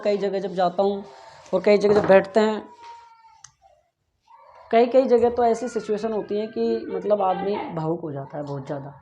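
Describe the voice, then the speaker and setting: This man's voice sits high and a little mellow, with a bit of hiss or hum in the background. He's a physics teacher giving a lecture and an earnest, pleading talk, frequently checking if students follow and saying "yaar". The dull lo-fi recording comes from a classroom with a board.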